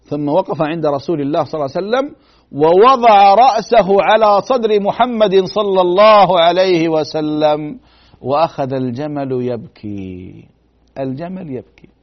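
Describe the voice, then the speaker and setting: A man giving a dramatic religious storytelling lecture, swinging between loud emphasis and hushed tones and asking rhetorical questions. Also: a little high, moderate pace. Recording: dull lo-fi broadcast recording.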